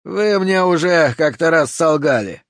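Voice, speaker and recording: A man reading an audiobook voices a bitter, hoarse male leader of the tunnel dwellers, hissing his words. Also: mid-range voice, moderate pace, no echo, clean studio sound, natural voice. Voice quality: raspy, hissing.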